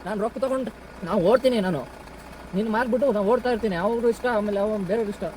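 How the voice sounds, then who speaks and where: A man acting a bumbling, greedy yet soft-hearted kidnapper in a comic skit, talking in a rambling, rustic way outdoors. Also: high-pitched, fast, lightly acted. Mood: scheming. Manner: rambling, chatty, rustic talk. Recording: street noise with idling engine.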